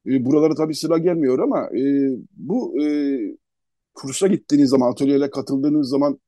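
Male radio host, mellow tone, dry close mic, slow and searching delivery. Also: on the high side, no echo. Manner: unhurried, hesitant, lists places one by one. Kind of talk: conversational radio interview.

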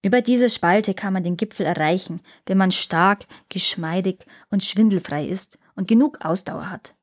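A woman's voice: medium pitch, moderate pace, lightly acted. An ugly, crooked dwarf from a fairy tale grumbles and mocks, as a woman reading the story puts him on. The voice stays close to her usual reading tone. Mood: grumbling. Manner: grumbling, mocking.

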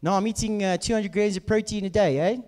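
A man's voice: sits high, fairly even intonation, fast talker, a little mellow, pitched below the performer's own voice, lightly acted. Man putting on a bloke, hesitant. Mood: sheepish, matey. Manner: hesitant, matey, tags phrases with "eh". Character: casual, eager gym-going man making excuses. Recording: reverberant hall sound.

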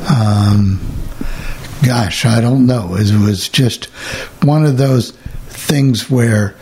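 A male host chats in a folksy, rambling way. His voice is husky and mid-pitched, and he takes his time. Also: a little mellow. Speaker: show host. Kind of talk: casual unscripted chat.

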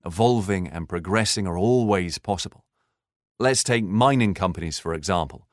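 A man with a low voice narrates a corporate podcast from a script. He explains things in a measured, formal way. The recording is dry, with no room sound. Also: dry recording.

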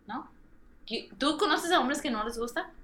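A woman's voice: high voice, animated, moderate pace, fairly bright tone. A woman co-hosting a casual group chat, curious and questioning, switching between English and Spanish. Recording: echoey room.

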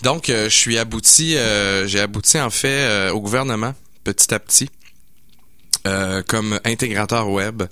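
A man's voice: lowish voice, normal speed, sharp tone, smooth, no echo. A man in his forties with a Québécois accent, chatting enthusiastically as a guest in a studio interview, with lots of hesitant fillers. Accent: Québécois French. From Quebec City, Canada. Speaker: guest mixologist. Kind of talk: casual radio interview. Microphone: studio microphone.

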